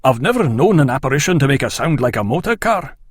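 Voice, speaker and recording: A man voicing an earnest, enthusiastic gentleman who believes in fairies. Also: medium pitch, big pitch swings, fast talker, slightly rough, no echo.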